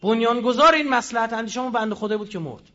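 A man giving a combative public speech, firing rhetorical questions and swinging between loud and quiet. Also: very high-pitched, long reverb tail, dull audio. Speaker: public speaker.

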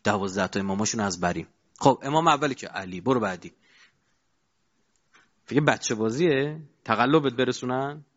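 A man giving a colloquial sermon, asking his audience rhetorical questions and moving between loud and quiet stretches. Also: medium pitch, pauses often. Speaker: preacher. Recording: dull lo-fi recording.

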